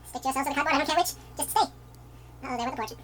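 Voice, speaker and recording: A man putting on a voice for an excitable, fussy male showman who theatrically scolds his building pieces. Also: extremely high pitch, racing, a little hiss or hum, voice pushed up. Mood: panicky. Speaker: vlogger.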